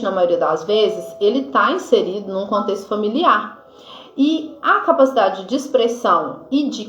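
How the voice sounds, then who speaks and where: A Brazilian nurse explains a health subject to camera, her female voice a little high and a bit bright, with a Brazilian Portuguese accent. She teaches casually, dropping frequent "né" and "tá" and sometimes reading notes. Faint music plays in an echoey room with dull, lo-fi sound.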